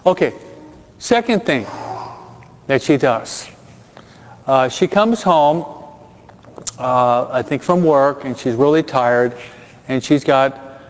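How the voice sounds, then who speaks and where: A man preaching a sermon in a chatty way, often checking in with his listeners and dropping Spanish words into his English. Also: medium pitch. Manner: conversational, keeps checking in with the listeners. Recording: dull sound with long hall reverb.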